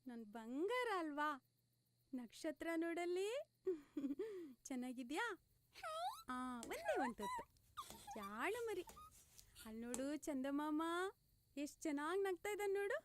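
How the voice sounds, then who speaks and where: An actress playing a loving young mother who coaxes her small child to eat, in a tender, gentle way. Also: high voice, very animated, a little fast, noisy background. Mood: coaxing. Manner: tender, coaxing. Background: film score music.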